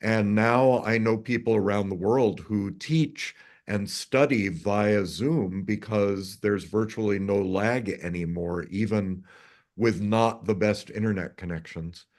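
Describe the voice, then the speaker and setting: A man in his fifties, a conductor answering interview questions over a video call, measured and articulate. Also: on the low side, darkish tone. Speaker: conductor, guest.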